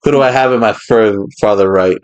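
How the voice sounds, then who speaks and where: A man's voice: lowish voice, brisk, clean tone, dull audio. A man hosting a podcast in casual chat, rambling and laughing often. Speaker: podcast host.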